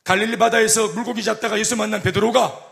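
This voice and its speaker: A middle-aged man preaching a sermon as pastor, animated and joking, acting out quoted voices. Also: high voice, quick pace, gravelly. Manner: animated, acts out quoted voices and jokes with the congregation.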